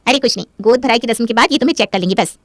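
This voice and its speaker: Woman as a loving middle-aged mother, heartfelt, slightly high voice, dry sound. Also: very fast, dry recording, close to an everyday voice. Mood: coaxing. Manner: heartfelt, speech-like.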